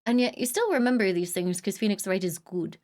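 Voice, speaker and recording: A woman live streamer chatting casually, humming little filler sounds and greeting viewers with bursts of excitement. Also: medium pitch, fairly quick. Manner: chatty, hums and scats little filler sounds between thoughts.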